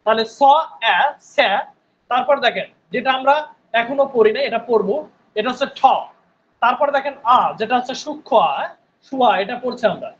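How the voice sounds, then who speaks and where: High-voiced man teaching English online. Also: a bit bright, highs cut off, slight background noise. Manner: patient, repeats words slowly and asks "হ্যাঁ?" often. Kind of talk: online spoken English class.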